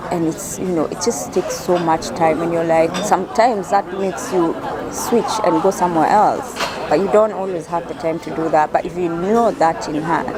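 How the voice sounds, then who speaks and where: Low-voiced woman vlogging over loud cafe chatter. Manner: chatty, rambling storytelling with frequent 'like' and 'you know'. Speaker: solo food review vlogger. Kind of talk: casual vlog chat. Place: busy cafe in a shopping center. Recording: busy public crowd chatter behind voice.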